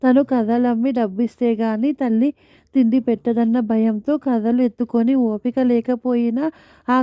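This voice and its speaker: A woman narrating a story in the first person, in a steady, reflective storytelling manner. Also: on the high side, no room sound, lo-fi sound.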